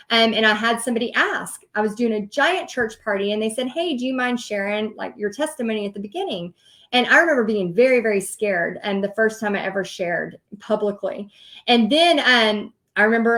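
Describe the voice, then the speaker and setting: With a fairly bright voice on the high side, a middle-aged Texan host who teaches paint parties chats her way through an informal online coaching session. Her Texas accent colors a rambling, story-filled delivery packed with asides.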